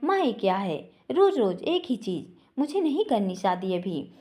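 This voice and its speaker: Woman voicing a young man, devoted son, earnest, pleading, animated. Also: mid-range voice, moderate pace, soft background music, natural voice.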